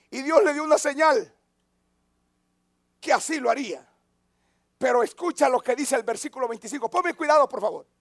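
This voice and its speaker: High-voiced preaching pastor, dry sound. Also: male voice, creaky, no echo. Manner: preaching with sudden drops to near-whispers and rises to shouts. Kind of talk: sermon.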